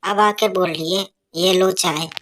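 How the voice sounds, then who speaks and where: A woman's voice: steady tone, a little slow, a bit bright. A woman doing a nagging old mother-in-law. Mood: scolding. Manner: shrill nagging taunts.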